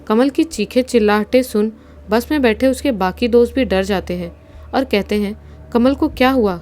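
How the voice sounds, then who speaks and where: A woman narrating a horror story in a steady, suspenseful storytelling manner. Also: fairly high pitch, moderate pace.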